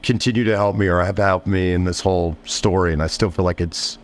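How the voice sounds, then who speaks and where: A man's voice: low voice, a little fast. A man, a shop owner and podcast guest, chatting casually and animatedly, acting out the people he talks about. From New Jersey. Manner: animated storyteller, acts out customers in raised voices.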